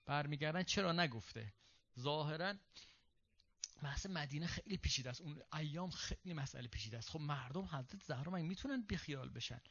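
Bright-voiced male lecturer, dull lo-fi sound. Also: fairly high pitch, lively intonation. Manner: reads Arabic passages, then explains them in casual spoken Persian; quick, conversational asides to the audience. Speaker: religious lecturer. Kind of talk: religious lecture, reading and explaining an old account. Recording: dull lo-fi recording.

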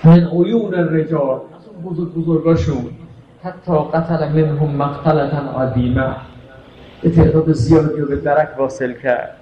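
A man delivering a mourning sermon, narrating in plain speech and breaking into shouted, wailing chant. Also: fairly even intonation, dull audio, slight background noise. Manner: rises into shouted wailing chant, then drops to low narration. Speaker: eulogist. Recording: echoey, distant mic, faint ambience.

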